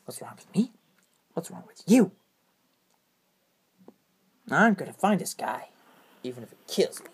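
A woman voicing a young dragon hero who has turned mean and vengeful, speaking low and grim in a home-made toy story. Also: very animated, measured pace, long pauses, husky, full character voice. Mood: menacing. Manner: low, grim, violent threats.

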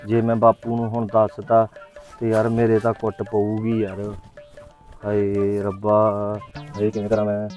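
A man's voice: on the low side, completely flat delivery, unhurried, pauses often, warm tone, soft background music, close to an everyday voice. A young man playing a nervous village youth who stammers and pleads in a panic. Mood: fretting.

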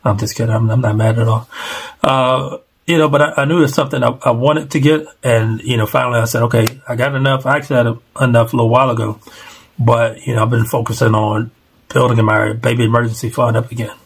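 A man's voice: mid-range voice, fairly even intonation, fast talker, gravelly, breathy edge. A man in his forties vlogging casually from his bedroom into a headset mic, rambling and self-deprecating with plenty of fillers. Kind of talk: casual personal vlog. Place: small bedroom at home. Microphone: headset microphone on a webcam call setup.

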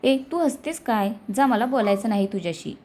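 Brief: woman storyteller voicing a stubborn young bride-to-be, low and subdued, storybook reading. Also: lively intonation, normal speed, a little mellow. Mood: subdued, irritated.

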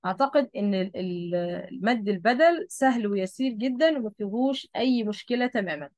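Here a woman speaks a little high and brisk, with a slightly mellow tone and no echo. She has an Egyptian Arabic accent and is explaining a Quran recitation rule at a board, patiently going over key points again and making sure her students understand.

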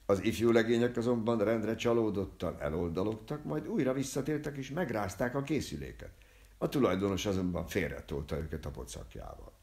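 A man reading a literary novel aloud at home, voicing the characters' lines with raised, lively delivery. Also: lowish voice, vocal fry. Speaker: audiobook reader.

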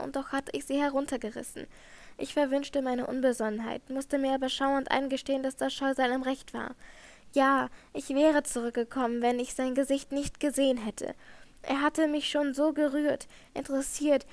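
A woman reading a first-person audiobook narration in a measured, dramatic manner. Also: sits high, darkish tone, no room sound. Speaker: audiobook reader.

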